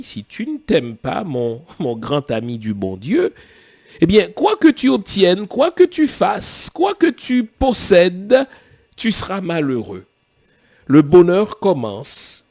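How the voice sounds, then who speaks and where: A man preaches in a slow, deliberate way. His pitch rises and falls widely as he puts rhetorical questions to his listeners and chuckles between points. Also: a little mellow. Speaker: pastor and theologian hosting a show. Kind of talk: sermon-like talk to viewers.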